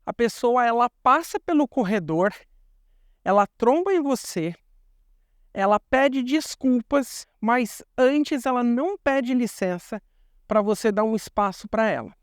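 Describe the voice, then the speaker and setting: Smooth-voiced Brazilian man vlogging. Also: very high voice, expressive, measured pace, no echo, studio quality. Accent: Brazilian Portuguese. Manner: chatty, repeats words for emphasis. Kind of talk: casual explanatory vlog.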